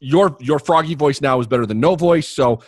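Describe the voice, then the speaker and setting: A man's voice: on the high side, moderate pace, no echo, clean studio sound. A man hosting a podcast, chatting in a jokey, rambling way with many restarts. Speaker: podcast host. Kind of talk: casual podcast chat and promo read.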